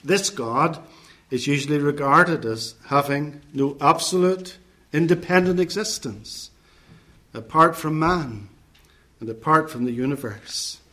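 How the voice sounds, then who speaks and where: Slow, measured preacher man with raised pitch. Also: animated, bright, forceful tone. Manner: slow, measured, deliberate preaching with listed phrases. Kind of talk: sermon.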